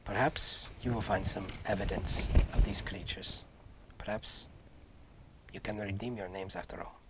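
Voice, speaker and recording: A man acts out a solemn, courteous knight for a tabletop game. The voice sits low and speaks in grave, measured, formal phrases. There is faint noise in the recording. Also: fairly even intonation. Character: solemn, courteous male knight bidding allies farewell. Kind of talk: tabletop game character acting.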